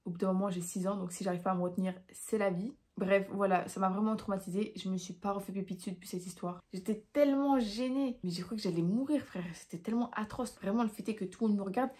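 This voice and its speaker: A woman's voice: mid-range voice, fast, few pauses, a little mellow. A young woman telling embarrassing personal stories in a casual, slangy, self-mocking way. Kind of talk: casual storytelling to camera.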